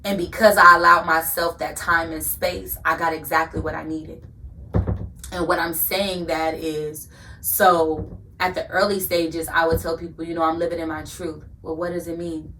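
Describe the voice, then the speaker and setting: A woman's voice: low-pitched, little pitch movement, moderate pace, pushed and bright, far from the mic, slight background noise. Earnest woman preaching, set back from the mic. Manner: earnest, preacher-like, repeats phrases for emphasis. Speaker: podcast host. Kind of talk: motivational faith talk.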